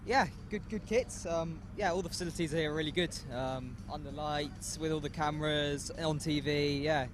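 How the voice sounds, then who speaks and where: A cricket player answering interview questions outdoors, plain and full of fillers like yeah and um. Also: male voice, fairly high pitch, fairly even intonation, moderate pace, hardly any pauses, slight background noise. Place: outdoors at a cricket ground at night.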